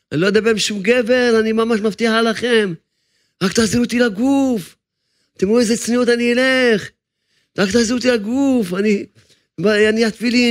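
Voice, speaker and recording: Guy playing a desperate soul begging to go back, high strained voice, vow after vow. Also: natural voice. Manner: pleading, vowing again and again.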